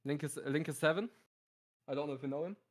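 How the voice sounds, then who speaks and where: Hesitant man guest, higher voice. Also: fast. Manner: hesitant, self-deprecating. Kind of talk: casual chat.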